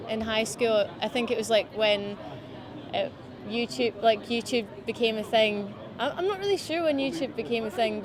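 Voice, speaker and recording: A woman in her twenties with a Scottish accent talks easily in an outdoor interview. Her speech meanders, full of fillers and restarts, in an unremarkable mid-range voice. Crowd chatter carries clearly behind her. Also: medium pitch. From Scottish Highlands. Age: 20s. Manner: relaxed, rambling with many fillers. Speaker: musician guest. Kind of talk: casual interview chat. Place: outdoors by a city riverbank.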